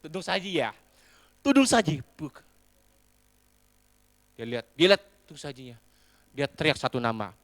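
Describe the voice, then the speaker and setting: A male pastor, giving a lively comic sermon in animated storytelling, calling out to the crowd. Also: a little high, normal speed, pauses often, no echo. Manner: animated storytelling with a sing-song rise and fall and crowd call-outs.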